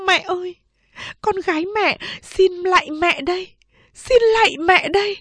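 A woman's voice: very high-pitched, steady tone, normal speed, no echo, studio quality, pitched above the performer's own voice. A woman voicing a desperate young woman who tearfully begs her mother in an audiobook. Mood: tearful pleading. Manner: tearful, pleading.

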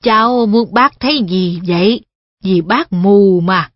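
A slow, gruff old blind man, as a woman narrator puts him on, his voice pitched lower and spoken at a heavy, deliberate pace. The audio is dull and lo-fi, with a dry sound and no room echo.

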